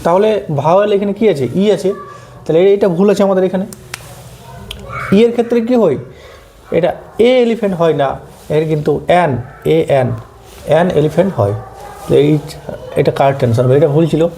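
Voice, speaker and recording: Male tutor, high mellow voice, patient step-by-step exam-prep explainer. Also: moderate pace, creaky, pauses often, a little hiss or hum. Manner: explains step by step, often checks understanding. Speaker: teacher. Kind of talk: exam-prep grammar lesson.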